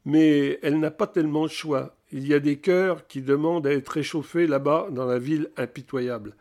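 A man's voice: a little high, steady tone, normal speed, darkish tone, close to an everyday voice. A man reading aloud, voicing a woman TV reporter who answers in a dry, morose, reluctant way.

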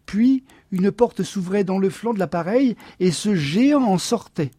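Guy voicing a dreamy restless wife from a storybook, breathless and wondering, husky. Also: medium pitch, lively intonation, unhurried, mellow, dry recording, studio quality, voice pushed up. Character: dreamy, wistful Martian wife, restless and excitable.

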